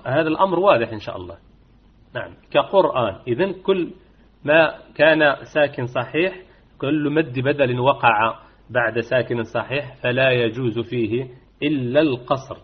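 A man teaching Quran recitation rules in an online lesson. He repeats key words and draws them out slowly to demonstrate them. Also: medium pitch, phone-quality sound. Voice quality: husky.

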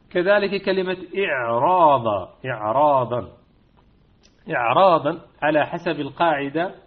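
A man gives a recitation lesson, slowly stretching out and repeating example words for his class to write down. His voice sits a little high for a man. The recording sounds muffled and lo-fi. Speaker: Quran recitation teacher. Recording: dull lo-fi recording.

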